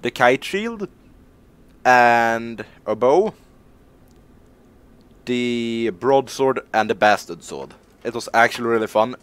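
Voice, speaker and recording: A man's voice: mid-range voice, lively intonation, slow pace, pauses often, fairly bright tone, clean tone. Joking, rambling male gaming streamer. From Sweden. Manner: rambling, joking, self-mocking, swears casually. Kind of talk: casual live-stream gameplay commentary.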